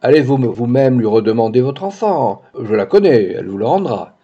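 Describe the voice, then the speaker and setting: A bold, scheming older matron, as a male reader puts her on, tossing off indignant, mocking retorts. The tone is mellow and dark, and the lo-fi recording sounds dull. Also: mid-range voice, lively intonation, brisk, slightly rough. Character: brash aging woman, bold scheming matron.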